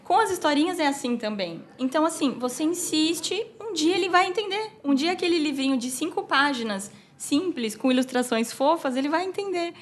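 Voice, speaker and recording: High-voiced mother chatting. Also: a little fast, few pauses. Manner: lively, explanatory, sprinkles talk with "né" and "assim". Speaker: podcast co-host, mother of three. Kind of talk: casual podcast chat.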